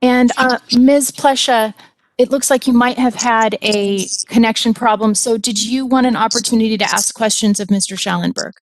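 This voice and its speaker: A woman's voice: on the high side, moderate pace, no echo. A woman presiding as judge over a formal remote hearing, polite and procedural in her manner. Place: remote hearing by audio and video link.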